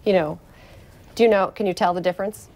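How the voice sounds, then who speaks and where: A woman's voice: medium pitch, fairly even intonation, quick pace, a little mellow. A woman hosting a casual interview, inquisitive and enthusiastic. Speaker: interview host.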